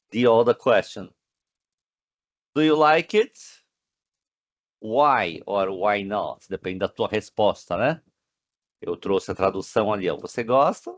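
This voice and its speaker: A man teaching an online English class in Portuguese with a Brazilian accent, drawing out the English examples slowly and checking in with the students often. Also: lowish voice, dry recording. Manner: slow, drawn-out English examples, frequent "né?" check-ins. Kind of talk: online class explaining grammar. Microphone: video call.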